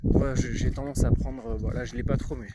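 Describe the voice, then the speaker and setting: A man's voice: mid-range voice, flat delivery, a little fast. A man with a southern French accent, chatting casually and swearing freely as he vlogs while hiking through open fields at dusk. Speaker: survival vlogger hiking and camping. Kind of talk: casual outdoor vlog. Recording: loud wind noise outdoors.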